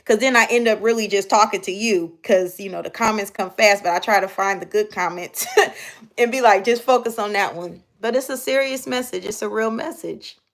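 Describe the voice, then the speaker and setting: A woman's voice: medium pitch, moderate pace. A young woman, chatting casually on a live stream, reading comments and talking straight to her viewers in slangy speech. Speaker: livestream host.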